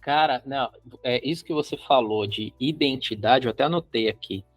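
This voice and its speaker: A man with a Brazilian Portuguese accent hosting a casual podcast chat, animated and acting out quoted voices. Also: medium pitch, fairly quick, no room sound, faint music behind. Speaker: podcast host.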